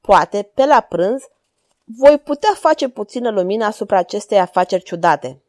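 A woman voicing a calm, self-assured male detective who speaks in measured, firm sentences while reading a story aloud. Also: mid-range voice, dry recording, studio quality, natural voice. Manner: measured, confident, firm commands.

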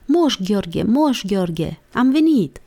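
A woman's voice: medium pitch, sing-song, dark tone, voice pushed up. A woman reading an audiobook, voicing a bold, quarrelsome young girl in a raised voice. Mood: excited. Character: spirited, quarrelsome little girl.

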